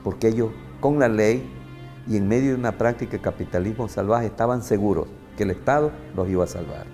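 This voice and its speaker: Low-voiced man arguing firmly. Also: brisk, warm tone, soft background music. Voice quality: firm, pointed argument. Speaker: interviewee, commentator. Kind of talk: critical commentary.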